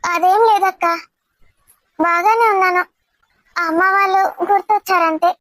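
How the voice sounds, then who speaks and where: A woman playing a quiet, lonely young guest. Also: very high voice, fairly even intonation, normal speed, no room sound. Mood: subdued.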